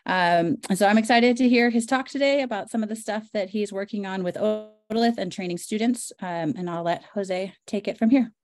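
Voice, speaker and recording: A woman's voice: medium pitch, brisk, hardly any pauses, darkish tone. A woman hosting an online seminar, introducing the guest speaker with enthusiasm and frequent fillers over a video call.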